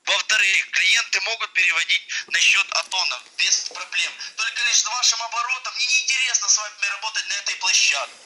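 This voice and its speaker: A man's voice: high-pitched, a little fast, few pauses, bright, forceful tone, breathy edge. A man on a phone call, condescending as he argues and insists he not be interrupted, heard over a landline. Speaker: caller posing as investment specialist. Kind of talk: heated phone argument.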